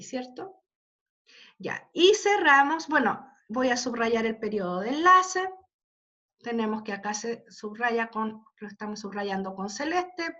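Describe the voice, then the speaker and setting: In dull lo-fi audio, a woman with a slightly high, sharp voice gives an online literature lecture. She guides students patiently through examples, forever checking in with tag questions.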